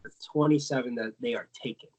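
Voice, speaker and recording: A man's voice: mid-range voice, brisk, slightly rough, poor audio. Rambling American man on a podcast. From United States. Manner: rambling, self-correcting, many fillers. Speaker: podcast co-host. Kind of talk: casual podcast chat.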